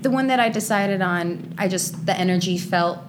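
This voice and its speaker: A native Polish speaker in her twenties, an actress being interviewed, tells personal stories casually and informally. Her voice is medium-pitched at a normal speed, with a noisy background.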